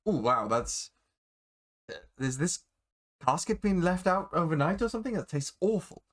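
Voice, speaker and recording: Man doing a gothic pirate woman, polite and hesitant, voice nudged higher. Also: sing-song, normal speed. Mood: polite, grimacing.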